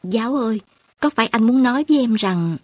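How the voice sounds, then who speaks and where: An emotional young woman from a storybook, her words pleading and full of longing. The voice is soft and breathy in a dry, close recording, as a woman narrator puts her on. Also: fairly high pitch, animated, brisk, no room sound. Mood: yearning.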